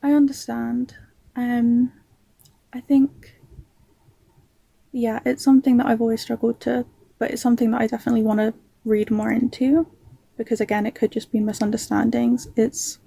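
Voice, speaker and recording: A woman's voice: fairly high pitch, little pitch movement, moderate pace, creaky, pauses often, dark tone, husky, no room sound, rough recording. A woman from England asking hesitant, thoughtful questions in a casual conversation about faith. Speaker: passerby questioned in debate.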